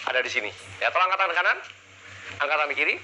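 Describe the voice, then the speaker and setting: Bright, fast-talking male speaking trainer. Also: fairly high pitch, slight background noise, poor audio. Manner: energetic, drills audience with call-and-response questions. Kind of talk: live training seminar. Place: seminar room with audience. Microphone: handheld microphone.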